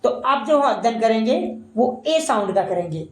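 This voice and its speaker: A woman's voice: a little high, animated, moderate pace, echoey room, rough recording. A woman teaching pronunciation, spelling words letter by letter and drilling the sounds, often addressing her listeners as friends. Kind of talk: pronunciation lesson.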